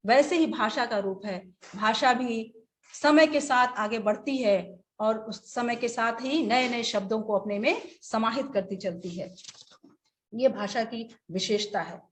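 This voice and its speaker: A woman teacher giving a webinar lecture, speaking slowly and deliberately, now and then acting out short examples. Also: a little high, a little hiss or hum.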